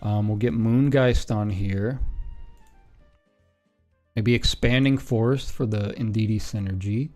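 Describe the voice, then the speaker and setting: A man's voice: fairly low pitch, slow, pauses often, soft background music. Laid-back man thinking aloud on stream. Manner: thinking aloud, relaxed, frequent ums and self-corrections. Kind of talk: casual stream commentary while building a team.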